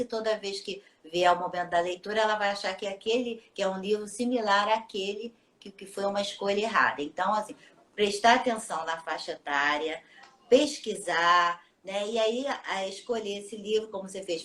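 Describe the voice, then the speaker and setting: Lady teacher giving tips, patient explainer, mid-pitched, keeps checking in with "right?". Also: a bit bright. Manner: patient, explanatory, frequent tag questions. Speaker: teacher and children's book author. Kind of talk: casual interview on a live stream.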